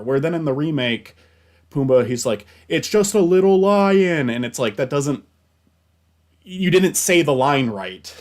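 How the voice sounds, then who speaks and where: A young man hosting a casual chat stream, talking in a rambling, halting way with frequent restarts and casual swearing. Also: mid-range voice. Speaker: stream host.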